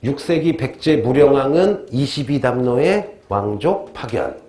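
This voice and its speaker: A man teaching a history lecture in a lively, joking way, constantly quizzing his students. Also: mid-range voice, unhurried. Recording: echoey room, faint noise.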